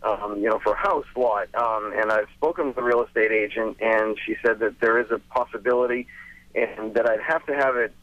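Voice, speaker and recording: A man's voice: fairly low pitch, fairly quick, dry recording. A man calling into a talk show on a speakerphone from his truck, rambling a bit and trailing off with "et cetera". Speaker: caller. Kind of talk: call-in question. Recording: muffled, dry speakerphone line.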